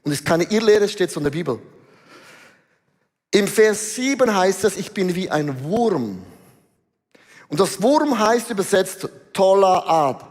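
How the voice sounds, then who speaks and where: Man, Swiss German accent, pastor preaching, animated, slangy, high voice, big echoing church hall. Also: normal speed. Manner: animated, mixes in English phrases and slang. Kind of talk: sermon. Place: church auditorium stage. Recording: large hall with long reverb.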